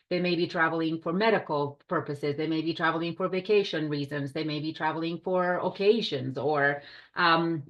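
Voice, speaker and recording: A woman from Puerto Rico, a company director, giving an enthusiastic, chatty business presentation on a video call. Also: low voice. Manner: enthusiastic, chatty, warm hospitality tone. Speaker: director of short-term rentals, presenter.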